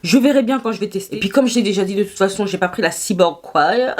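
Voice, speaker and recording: A woman with a French accent, chatting casually through a makeup review, animated and quick to laugh. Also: medium pitch, a little hiss or hum. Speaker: beauty vlogger.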